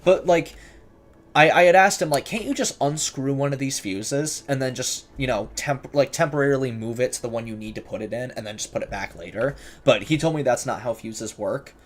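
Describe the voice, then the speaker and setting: A man with a mid-range voice talks a little fast while streaming a horror game, cracking jokes, getting jumpy about scares and talking back to the characters. Background noise is clearly audible, along with keyboard clicks and typing.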